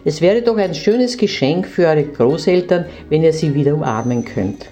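A woman reading a fairy tale to children, in a gentle manner and speaking to them directly. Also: sits low, expressive, moderate pace, lo-fi sound, faint music behind.

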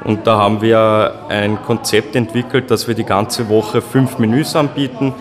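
A man's voice: on the low side, steady tone, moderate pace, in a large hall, a crowd in the background. A young man, a restaurant owner plainly explaining his concept in an interview. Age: young adult. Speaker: restaurant owner and head chef. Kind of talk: casual interview answers. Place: restaurant dining room.

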